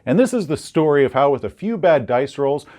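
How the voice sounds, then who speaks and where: A man and game master recounting a tabletop session, acting out scenes in an animated storytelling style. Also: brisk. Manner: acts out scenes with sudden leaps in pitch.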